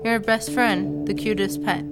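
A woman's voice: medium pitch, steady tone, unhurried. Sarcastic woman telling a comedy story. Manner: casual and sarcastic. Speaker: narrator. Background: faint background music.

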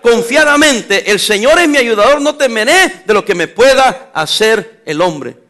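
A man preaches a sermon in a high, ringing voice. He drives his points home with call-and-response questions to his congregation. Now and then he breaks into teasing, scolding asides. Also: animated, a little slow, pushed and bright. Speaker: pastor.

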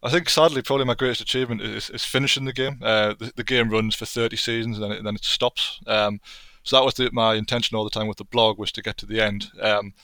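A man's voice: fairly low pitch, fairly even intonation, quick pace, sharp tone, dry recording. A man in his thirties with a Geordie Newcastle accent, chatting casually as a podcast guest. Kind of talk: casual interview chat.

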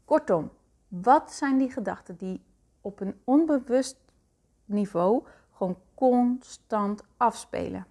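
A woman's voice: fairly high pitch, slow pace, dark tone. A woman giving a motivational self-love talk, speaking directly and earnestly to the listener.

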